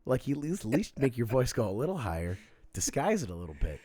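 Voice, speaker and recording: A man's voice: medium pitch, fast, dry recording. A man co-hosting a casual podcast, rambling and profane as he tells stories and clicks through things. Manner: profane, rambling, animated storytelling. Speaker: podcast co-host. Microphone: desk mic with cameras.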